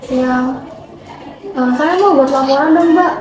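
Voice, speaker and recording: In an echoey room, a woman acts out a fed-up female customer in an amateur role-play. Her voice is high, and she complains in loose, informal, grumbling speech. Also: slow, background noise. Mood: complaining.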